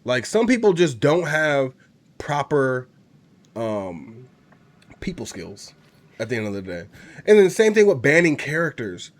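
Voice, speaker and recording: A man's voice: mid-range voice, very animated, unhurried, long pauses. A young man with a cold and a congested voice, ranting casually about gaming in a profane, rambling, heated way. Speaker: gaming channel host. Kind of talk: casual rant to camera.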